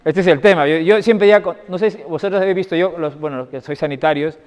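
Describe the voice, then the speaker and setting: This doctor's voice is on the high side, clear and resonant, and he speaks at a quick pace. In a parish hall with long reverb, he tells anecdotes conversationally and keeps asking the audience whether they agree.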